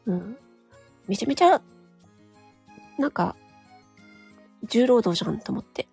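Faint music plays behind a woman whose medium-pitched voice is gravelly, husky, and dark, very animated yet a little slow. On her solo audio channel she talks frankly and casually, filling her chat with nodding asides and tag particles.

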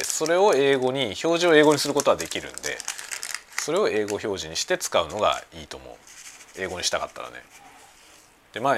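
A low-voiced man chats casually on his lunch break. His pitch is animated and lively as he rambles in a relaxed way. Faint household sounds hang in the background of a home recording. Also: a little hiss or hum. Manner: relaxed rambling talk while eating lunch. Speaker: podcast host. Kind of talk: casual chat. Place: home kitchen with everyday sounds.

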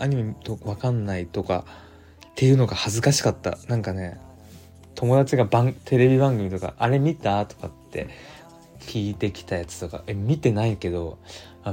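A man with a Kansai accent hosting a casual solo livestream, chatting loosely and reading listener messages aloud. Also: medium pitch. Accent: Kansai Japanese. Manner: chatty, animated, muses aloud with frequent fillers. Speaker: livestream radio host.

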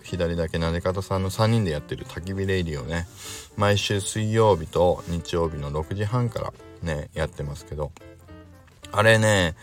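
A man hosting his own podcast, chatting casually and rambling with lots of fillers and self-amused asides. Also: deep voice. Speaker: podcast host. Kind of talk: casual solo chat.

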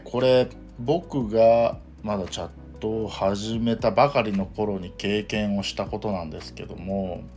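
Man, Kansai accent, lowish voice, casual solo podcast host, hesitant, lots of fillers, soft music behind. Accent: Kansai Japanese.

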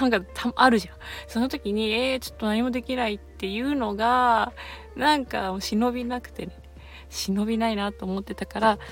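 A cheerful woman chats on her own as host of her channel. She rambles through fillers and restarts and keeps laughing at herself. Faint music plays underneath. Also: mid-range voice. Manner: chatty, laughs often, self-deprecating. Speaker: yoga teacher and channel host. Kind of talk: casual solo chat.

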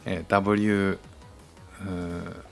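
A man's voice: low-pitched, level tone, extremely slow, creaky, faint music behind. A man hosting a casual podcast monologue, talking with lots of fillers and restarts. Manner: hesitant, many fillers and restarts. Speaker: podcast host.

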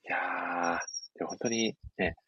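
A man's voice: deep voice, fairly even intonation, measured pace, slightly rough, dry recording, highs cut off. A man hosting a radio chat, polite and attentive as he sums up and thanks his guest. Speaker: podcast host.

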